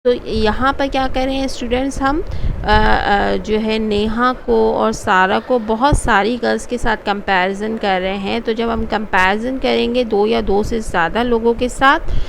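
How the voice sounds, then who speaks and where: A woman's voice: on the high side, steady tone, a little slow, gravelly, rough recording. Woman, tutor, hesitant with fillers, mixes English and Hindi, faint traffic behind. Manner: hesitant, many filler sounds, switches between English and Hindi. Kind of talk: slide-based grammar lecture.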